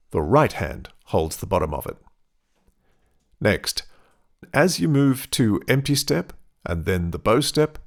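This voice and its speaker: A man giving step-by-step tai chi instruction in measured, deliberate phrases with pauses between cues. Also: medium pitch.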